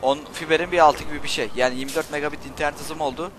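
Excitable young man joking over a game. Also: a little high, racing, over music. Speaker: gaming channel host. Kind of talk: casual let's play commentary.

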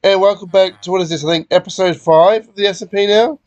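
A man's voice: high voice, fast talker, dry recording, dull audio. A young man hosting a multiplayer game session in casual chat, rambling and correcting himself as he goes. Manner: rambling, unsure, self-correcting. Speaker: host of a game channel.

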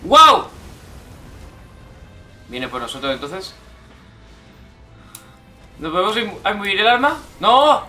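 A young man with a Spanish accent from Spain, commenting on his gameplay, excitable, shouting and swearing at the game. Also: high voice, a little slow, pauses often, soft background music. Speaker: gameplay streamer.

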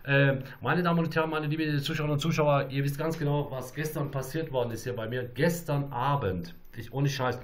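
A man livestreaming to his viewers, talking in a rambling, repetitive and excitable way. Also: medium pitch, a little fast, few pauses. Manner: repetitive, restarts and repeats phrases, excitable. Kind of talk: rambling live-stream monologue to viewers.

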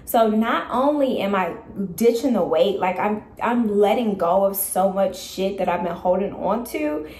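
A woman's voice: medium pitch, animated, measured pace, a little mellow. Chatty woman in her late twenties. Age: late 20s. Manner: loose and chatty, full of "like" and "um". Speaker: vlogger. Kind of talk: casual vlog chat to camera. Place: at home.

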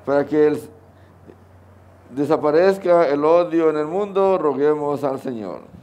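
Higher-voiced middle-aged Mexican priest. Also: male voice, measured pace, highs cut off. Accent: Mexican Spanish. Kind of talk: sermon and prayers at Mass. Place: outdoors under a canopy at an altar.

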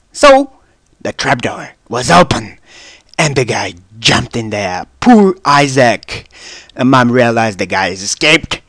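Man, game commentator, playful storytelling, lively pitch, dry sound. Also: dry recording. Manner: casual, playful, mock-storytelling. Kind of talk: comedic retelling of a game intro.

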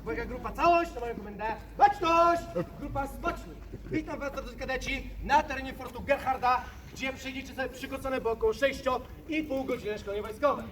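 A man's voice: very high voice, fast talker, few pauses, background noise. A man guiding a tour as a mock-stern army corporal, barking commands and instructions like a drill sergeant. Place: outdoor fort tour with a group. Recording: distant mic, crowd around.

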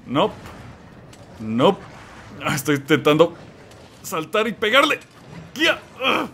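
A man giving excited let's-play commentary, yelling and exclaiming at the game and talking to the monster. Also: a little high, slow pace, slight background noise. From Mexico. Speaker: gamer playing and commenting.

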